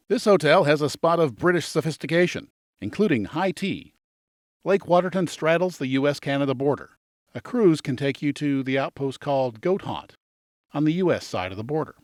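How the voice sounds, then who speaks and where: Male travel guide voice-over, slightly high, animated delivery, dry wit, soft music underneath. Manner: dry, lightly sarcastic asides. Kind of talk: scripted travel narration. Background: soft background music.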